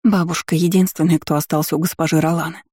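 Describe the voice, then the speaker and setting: A woman's voice: deep voice, level tone, fast, darkish tone, breathy edge, dry recording, clean studio sound. A woman voicing a timid, tearful young maid who pleads anxiously with her mistress in an audiobook. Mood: pleading, tearful.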